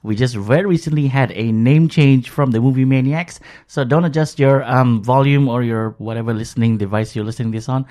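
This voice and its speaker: A man's voice: medium pitch, fairly quick, hardly any pauses, warm tone. A man from Brunei hosting a casual movie podcast, upbeat, with frequent fillers. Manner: upbeat, hesitant with many fillers. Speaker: podcast host.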